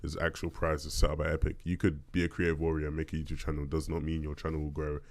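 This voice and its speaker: A man with a deep bass voice hosting a podcast, casually answering listener questions and often checking in conversationally as he talks. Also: monotone, fast, a little mellow. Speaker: podcast host.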